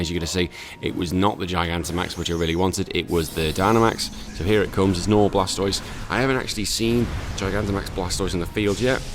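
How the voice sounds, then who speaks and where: Tired, low-voiced man rambling over gameplay. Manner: rambling, self-correcting, many fillers. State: tired and recovering from illness. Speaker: Pokemon battle commentator. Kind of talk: casual gameplay commentary.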